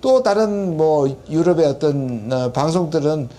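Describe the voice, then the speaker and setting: Higher-voiced man reporting as expert correspondent. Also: lively intonation, measured pace, mellow. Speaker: professor acting as field correspondent. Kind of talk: conversational on-site report and commentary.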